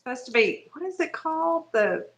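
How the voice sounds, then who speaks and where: A woman's voice: high-pitched, lively intonation, moderate pace. A woman guest chatting casually, searching for words and laughing often. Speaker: guest, small business owner. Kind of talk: casual chat.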